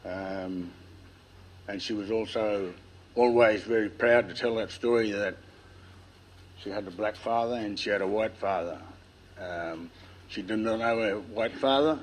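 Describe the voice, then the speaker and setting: Low-voiced, lisping Australian man, nervous and halting. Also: poor audio. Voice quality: lisp. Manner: nervous, halting delivery with long pauses. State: dry-mouthed. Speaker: speaker telling family history. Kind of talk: informal public speech, oral storytelling.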